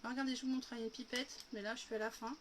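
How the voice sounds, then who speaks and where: A woman's voice: fairly high pitch, little pitch movement, rapid-fire, slight background noise. A woman with a lingering cough, chatting casually through a makeup tutorial livestream at home and walking viewers through each step. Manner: chatty, demonstrating step by step, addressing viewers as girls. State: coughing, recovering from illness. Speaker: makeup live streamer.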